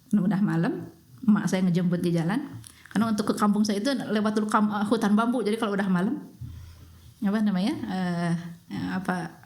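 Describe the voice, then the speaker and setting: A woman's voice: medium pitch, a little mellow. Reflective Sundanese woman telling her story. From West Java. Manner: reflective, with frequent pauses and fillers. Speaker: guest. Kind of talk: personal storytelling in a podcast.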